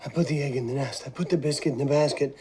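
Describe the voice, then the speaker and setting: An actor playing a hapless but determined middle-aged dad in a family sitcom, hesitant and self-justifying. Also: male voice, mid-range voice, rapid-fire, crowd noise, natural voice. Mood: weary, sincere. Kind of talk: sitcom acting.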